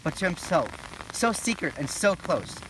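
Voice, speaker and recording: A man's voice: high-pitched, sing-song, normal speed. A man playing a concerned family elder, reciting in an amateur Shakespeare parody. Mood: worried. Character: concerned male elder of a feuding house. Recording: noisy recording with ambient hiss.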